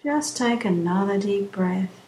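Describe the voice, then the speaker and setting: A woman slowly leading a guided relaxation session in a soothing, drawn-out way. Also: medium pitch, expressive, mellow, slight background noise. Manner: slow, soothing, drawn-out phrasing. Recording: roomy echo, faint background ambience.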